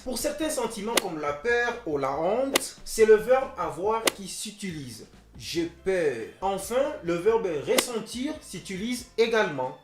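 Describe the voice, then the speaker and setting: A man teaching a French lesson who repeats example phrases and acts out how each one sounds. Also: sits high. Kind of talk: language lesson. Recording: roomy with faint music.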